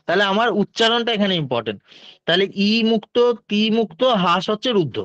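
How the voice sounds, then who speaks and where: A man's voice: sits high, very animated, a little fast, fairly bright tone, no echo. A male teacher speaking with a Bengali accent explains a lesson patiently, step by step, and takes questions from his students. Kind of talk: online exam-prep lesson. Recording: dull lo-fi dry sound.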